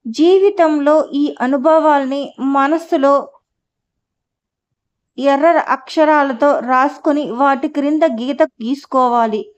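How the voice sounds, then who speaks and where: A woman narrating a novel in a slow, measured reading voice. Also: high-pitched. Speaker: audiobook narrator. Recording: dull lo-fi audio.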